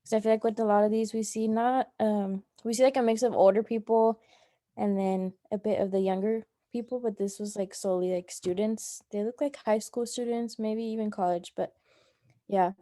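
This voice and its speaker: Woman, casual discussion, thoughtful explaining, warm mellow voice. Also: medium pitch, fairly even intonation, moderate pace. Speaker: participant.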